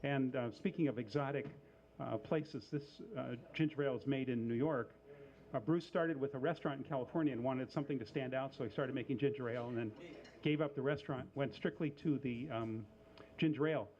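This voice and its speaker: A man hosting a live coffee house show, casual and halting, with lots of fillers and dry little jokes. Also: medium pitch, darkish tone, lo-fi sound. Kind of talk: casual live emcee patter.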